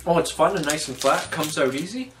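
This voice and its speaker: Very low-voiced woman reviewing snacks. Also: brisk, noisy background. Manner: relaxed, describes each snack aloud. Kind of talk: casual taste-test chat. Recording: distant mic with background music.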